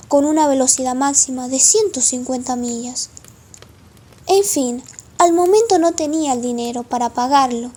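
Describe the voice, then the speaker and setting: A woman's voice: sits high, warm tone, close to an everyday voice. A woman playing a proud, defensive Italian male business owner in a formal, wordy radio play style. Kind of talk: amateur radio play acting.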